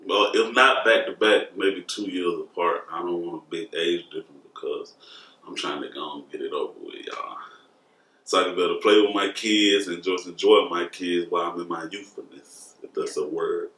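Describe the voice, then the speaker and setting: A man's voice: low voice, normal speed, sharp tone. A man in his early thirties chatting casually as a guest, laid-back and jokey, laughing often. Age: early 30s. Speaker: guest husband. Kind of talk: casual chat. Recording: echoey room, mic at a distance.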